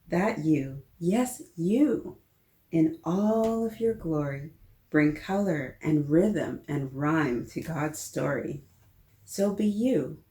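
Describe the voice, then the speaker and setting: In an echoey, spacious-sounding recording, a woman hosts a children's story time. She reads a picture book with lively, playful expression, chatting right to the young listeners in a voice that sits low.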